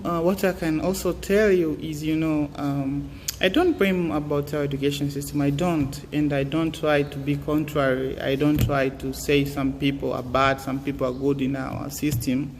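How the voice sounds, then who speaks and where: A young man from Tanzania, a student, gives advice in a casual motivational talk, earnest and halting, with many fillers and restarts. His voice is a little high and level in tone, recorded in an echoing room with faint hiss.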